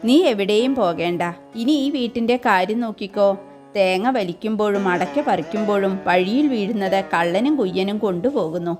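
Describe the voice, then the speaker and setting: A woman's voice: mid-range voice, brisk, a little mellow, faint music behind, natural voice. A woman reading the part of an older matriarch of a noble household who speaks firmly but kindly. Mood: reassuring. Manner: commanding, reassuring.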